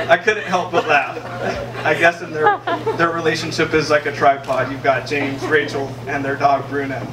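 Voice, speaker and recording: A man's voice: fairly high pitch, far from the mic. Nervous young best man reading a toast. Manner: nervous, laughs between lines. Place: large wedding tent, indoors. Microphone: handheld microphone. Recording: echoey room, mic heard from afar, crowd noise.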